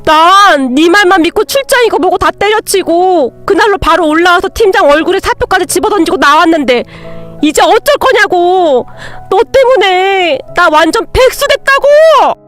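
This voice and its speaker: A woman voicing an angry, greedy young man, an ex-boyfriend who shouts and accuses, drunk, in a storybook narration. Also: extremely high pitch, sing-song, moderate pace, soft background music, pitched above the performer's own voice, heavily acted.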